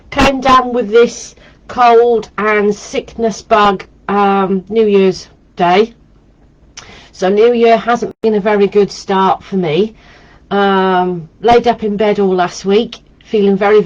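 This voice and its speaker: Stuffy with a head cold, a woman who works as a holistic therapist rambles through her weekly home live stream, saying um often. She speaks slowly at medium pitch with fairly flat intonation, and the audio has its high frequencies cut off.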